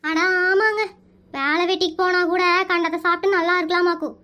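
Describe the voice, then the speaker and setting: A woman's voice: very high voice, steady tone, a little fast, sharp tone, muffled recording. A woman voicing a put-upon middle-aged village housewife with a Kongu Tamil accent, complaining in a comic cartoon. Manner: plaintive, complaining.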